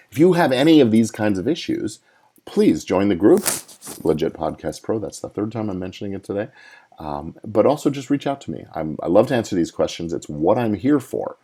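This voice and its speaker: Low-pitched and mellow with a breathy edge, the voice belongs to a middle-aged man who hosts a podcast and practices entertainment law. He dispenses casual advice in live talk, conversational and musing aloud, with frequent restarts.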